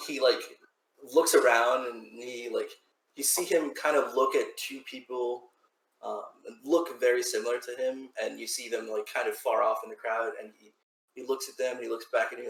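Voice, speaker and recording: A man's voice: medium pitch, gravelly, reverberant, low-quality recording. A man narrating as game master of a tabletop game, rambling loosely with many restarts.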